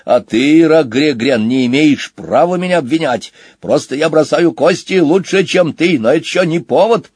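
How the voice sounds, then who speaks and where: A cheating storybook hog, nervous and whiny, always defending himself, voiced by a man reading aloud. His voice is raised and a little husky. The sound is dry. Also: fairly high pitch, animated, moderate pace, few pauses, darkish tone, no echo, voice pushed up. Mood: defensive.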